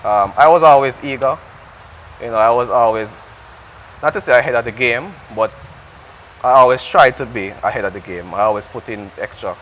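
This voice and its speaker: The recording is low quality with slight background noise, capturing a Jamaican man's mid-range, fairly bright voice at normal speed. An air traffic controller by profession, he's an interview guest who chats casually and keeps restarting his sentences.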